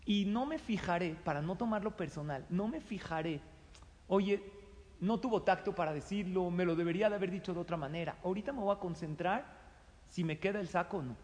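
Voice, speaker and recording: A middle-aged man with a Mexican accent speaks in a fairly high voice, talking his listeners through everyday advice. He acts out little quoted exchanges with lively energy. His voice carries a long, hall-like reverb. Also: brisk. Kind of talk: conversational advice talk.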